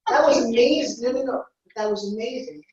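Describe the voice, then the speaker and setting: A business coach runs a live workshop, issuing short, blunt, commanding instructions and cutting in with corrections. Her voice is fairly high and brisk over a noisy crowd, recorded by a distant, dull mic in an echoey indoor room.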